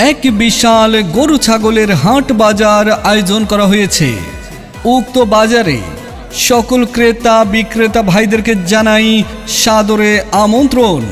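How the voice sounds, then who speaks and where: A man announcing a market advertisement through a loudspeaker, calling out in a drawn-out, emphatic way. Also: sits high. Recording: long reverb with faint music.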